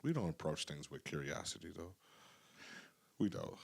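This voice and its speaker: Male podcast host with a very low voice, earnest and emphatic. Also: very animated, normal speed, gravelly, husky. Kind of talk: casual podcast conversation.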